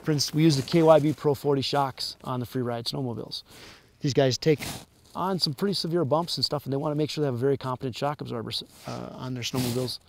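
A man's voice: medium pitch, fast, vocal fry, slight background noise. A man from the maker showing off a snowmobile outdoors in the snow, explaining its features plainly. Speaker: manufacturer product rep. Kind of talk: product walkaround explanation. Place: outdoors in snow at a sled event.

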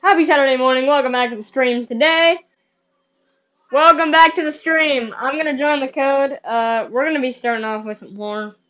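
A woman's voice: high voice, steady tone, moderate pace, a bit bright, muffled recording. A woman hosting a live gaming stream, chatty and upbeat, heard through livestream headset mic audio. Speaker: livestream host.

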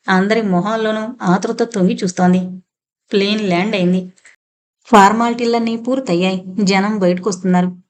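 Woman reading a thriller audiobook, steady clear storytelling. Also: medium pitch. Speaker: audiobook narrator. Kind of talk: scripted narration of a suspense novel.

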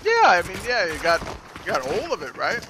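Guy streaming a shooter, higher voice, game noise loud in the back. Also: fairly quick. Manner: excited play-by-play callouts. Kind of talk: casual gaming chat. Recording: game sounds behind voice.

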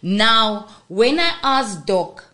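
A woman's voice: medium pitch, big pitch swings, extremely slow, pushed and bright. A woman with a South African accent, a guest patiently teaching language on a radio show and spelling out letters. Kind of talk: radio interview lesson.

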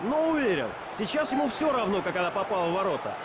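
A man's voice: high voice, very animated, fast talker. A man giving wry, wordy colour commentary in a hockey video game. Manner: wry, wordy, opinionated remarks. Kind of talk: scripted sports analysis commentary. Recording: loud rink noise behind the voice.

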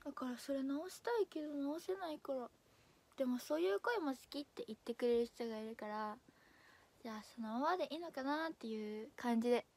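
Young woman idol chatting, high voice. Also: a little fast, darkish tone. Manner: chatty, drifts between high and low voice, laughs often. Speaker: idol streamer. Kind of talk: casual livestream chat.

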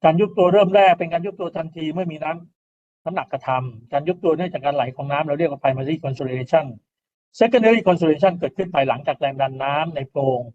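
A male engineering lecturer delivers an informal recorded lecture in a somewhat high, slightly mellow voice, speaking a little fast. The recording has its highs cut off. He walks through each step in turn, often asks "right?", and uses polite particles.

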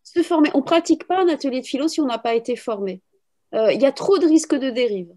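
On a video call picked up by a computer microphone, a middle-aged woman who teaches and trains in philosophy answers interview questions from a bookshelf-lined room at home. Her voice is high, warm, animated and fast, and she thinks aloud with frequent little tags.

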